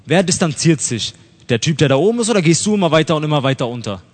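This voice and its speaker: A man's voice: a little high, expressive, quick pace, a little mellow. A young man preaching a casual, conversational sermon, using slang and acting out people's thoughts. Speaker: lay preacher. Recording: long hall reverb.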